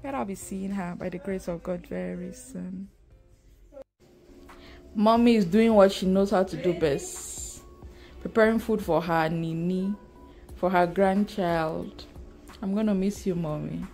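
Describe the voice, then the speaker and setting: A woman in her thirties, a new mom and lifestyle vlogger, talks casually to the camera at home, chatting emotionally with her viewers and calling them "guys." Her voice is fairly low and warm with a creaky texture, the intonation mostly even, and she speaks unhurriedly with frequent pauses. Faint music plays in the background.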